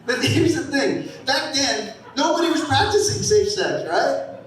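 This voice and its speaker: Stand-up comic, man, fifties, high voice, rambling anecdotes, heard from afar in a roomy club. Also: animated, unhurried. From San Francisco Bay Area. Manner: rambling storytelling with bursts of shouted character voices. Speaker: stand-up comedian. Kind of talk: stand-up set. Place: comedy club stage. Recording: echoey club sound from a distant mic.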